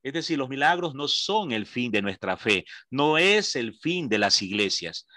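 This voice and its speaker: A man's voice: medium pitch, sing-song, sharp tone, no echo, clean studio sound. A man with an Ecuadorian accent teaching a Bible study class, explaining patiently, repeating key points and checking that his listeners follow. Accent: Ecuadorian Spanish. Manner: explanatory, checks understanding with short questions; repeats points slowly for emphasis.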